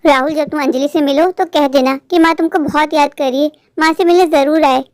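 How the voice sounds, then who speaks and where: This is cartoon voice acting: a woman plays a doting, fussing mother bird who is afraid of loneliness and adores her son. Her very high, natural-sounding voice moves fairly quickly with fairly even intonation, captured in a close, dry recording.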